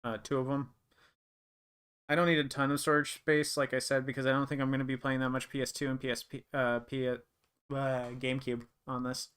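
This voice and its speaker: Bright, clear-voiced male streamer rambling. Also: mid-range voice, little pitch movement, a little fast. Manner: rambling, thinking aloud with many fillers. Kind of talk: casual live-stream chatter.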